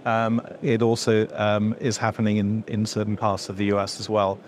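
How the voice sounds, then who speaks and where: Low, flat-voiced middle-aged man explaining. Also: normal speed. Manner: hesitant, many fillers and restarts, gesturing while explaining. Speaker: industry association executive. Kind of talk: explanatory interview answers. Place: indoor event room before a logo backdrop.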